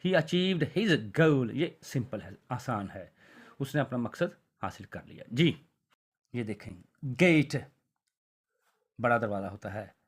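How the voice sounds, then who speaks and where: A man teaching an English vocabulary lesson, who reads example sentences very slowly and then explains them quickly. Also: on the low side, expressive, husky.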